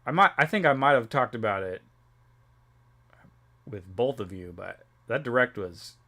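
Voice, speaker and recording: Young male streamer, casual rambling chat, filler-heavy, mid pitch. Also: expressive, moderate pace, bright, forceful tone. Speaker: livestreamer.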